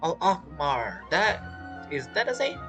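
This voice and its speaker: Taking it slowly, a streamer with a mid-range voice and big pitch swings delivers lighthearted commentary on a game playthrough. Teasing, joking asides and non-native phrasing fill the talk, set against video game music.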